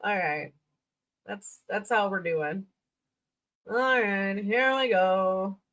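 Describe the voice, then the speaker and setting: Slow and mid-range, with a fairly bright tone, a woman reviews resumes on her livestream. Blunt and casual, she rambles through her thoughts unscripted, humming little sing-song filler sounds as she works things out aloud.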